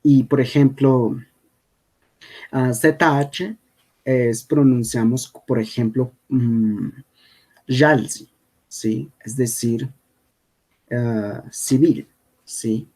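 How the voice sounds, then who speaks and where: Over a set of slides, a man who grew up speaking Kogui gives a language lesson in a steady, mellow, mid-range voice. He never rushes, regularly pausing to check in with "¿sí?".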